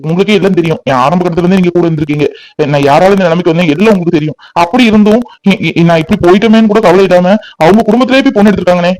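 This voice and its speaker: A man's voice: high voice, rapid-fire, a little mellow, lightly acted, poor audio. A man voicing a proud, hurt middle-aged father in a cartoon family drama. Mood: aggrieved.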